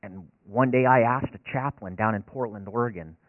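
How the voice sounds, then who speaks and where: A man's voice: on the low side, moderate pace, no room sound. A man, a racetrack chaplain telling an earnest, folksy, self-deprecating story as a sermon. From northern Alberta. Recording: dry, tinny phone-like sound.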